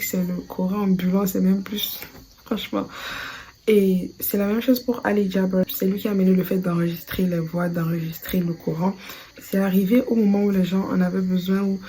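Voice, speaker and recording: Cameroonian french woman chatting to her viewers, low warm voice, drops to a whisper now and then, faint hum behind. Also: rough recording. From Africa. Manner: conversational, drops into soft whispered asides. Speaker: video creator commenting on Quran reciters. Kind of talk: casual spoken commentary.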